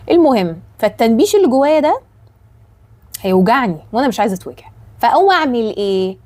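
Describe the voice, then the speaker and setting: A woman with an Egyptian accent, a life coach giving casual advice to camera, animated and acting out quoted voices. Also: medium pitch. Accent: Egyptian Arabic. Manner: animated, acts out quoted voices, frequent restarts.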